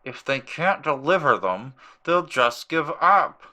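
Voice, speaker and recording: A man's voice: fairly high pitch, sing-song, slow, voice pushed up, heavily acted. A man voicing a short-tempered middle-aged uncle, blustering and exasperated, in a storybook audio drama. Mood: stubborn, agitated. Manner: wheezing, forceful, exasperated.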